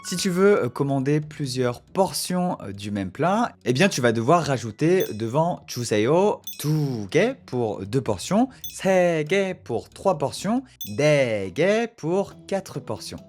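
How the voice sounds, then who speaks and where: A lively man teaches Korean phrases in a casual video lesson, explaining in French and modelling short Korean lines. He acts out small restaurant scenes as both customer and waiter, speaking fairly high, a little slowly and with few pauses, over faint background music.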